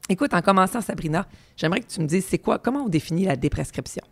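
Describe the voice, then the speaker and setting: A woman podcast host with a Quebec French accent and a hoarse, gravelly, raspy voice, introducing and interviewing. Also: fairly low pitch, animated, fast, no room sound.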